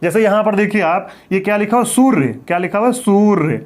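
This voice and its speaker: High-voiced man teaching a grammar lesson. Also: fairly quick. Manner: asks questions and answers them himself, repeats key points. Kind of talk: classroom grammar lecture.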